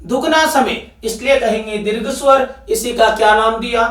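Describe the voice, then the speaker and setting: Speaking at normal speed in a very high-pitched, slightly bright voice, a man with a Rajasthani Hindi accent runs an exam-prep lesson on Hindi grammar. He habitually asks questions and supplies the answers himself, heard from a distance in an echoey space.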